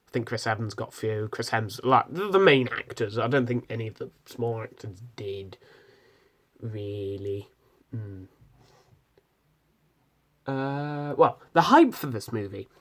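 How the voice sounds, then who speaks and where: A young British man with a British accent, giving a rambling, casual film review full of ums and restarts. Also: medium pitch. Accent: British English. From Britain. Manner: rambling, many ums and self-corrections.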